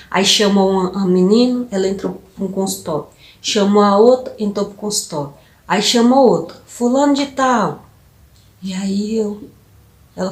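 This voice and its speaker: A woman, casually telling her viewers about her childhood, animated and acting out the voices of people in her story. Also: mid-range voice, reverberant. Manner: animated, addresses viewers as "gente", acts out quoted voices.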